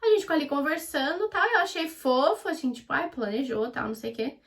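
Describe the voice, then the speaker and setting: A young woman with a Brazilian Portuguese accent chats through a story for her vlog. Her voice sits high and bright, and she talks in a lively, animated way. She acts out what people said as she goes. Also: quick pace. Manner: chatty, animated, acts out quoted dialogue. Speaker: vlogger.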